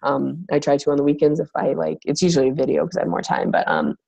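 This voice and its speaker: Low, gravelly woman losing her voice. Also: steady tone, fast talker, mellow, poor audio. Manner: rambling, filler-heavy, acts out quotes with big pitch jumps. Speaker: team leader of fitness coaches. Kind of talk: casual talk on a team call.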